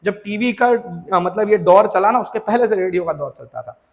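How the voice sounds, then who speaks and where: A man's voice: sits high, animated, normal speed, big-room sound. A man teaching a school social science lesson, explaining in a chatty, informal way and mixing in English terms. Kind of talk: classroom lecture.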